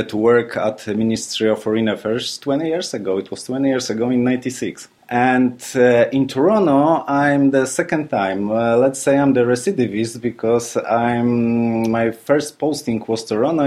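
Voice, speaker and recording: A middle-aged man from Poland with a Polish accent, answering interview questions as a diplomat in halting English full of fillers. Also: mid-range voice, a little mellow. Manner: halting, many fillers and restarts. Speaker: consul general.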